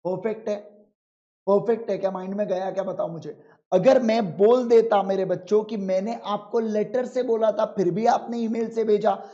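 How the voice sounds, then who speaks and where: A man teaching law in an online exam-prep lecture, calling students "my children", asking check questions, and reading rules slowly. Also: sits high, steady tone, dark tone. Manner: reads legal rules slowly and with emphasis. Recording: dull lo-fi sound.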